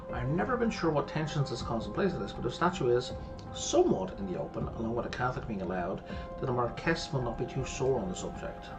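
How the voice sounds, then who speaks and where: Over game music and through poor audio, a man with a medium-pitched voice plays a mystery game for his stream. His let's-play commentary is casual, a mix of muttering, thinking aloud, and explaining bits of history along the way.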